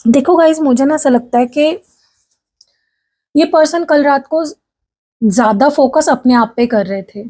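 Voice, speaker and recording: High-pitched chatty woman reading tarot. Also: a little mellow. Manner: chatty, addresses viewers as "guys", frequent "theek hai?"; mixes English phrases into Hindi speech. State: sore throat. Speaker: tarot reader. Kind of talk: casual tarot reading to viewers.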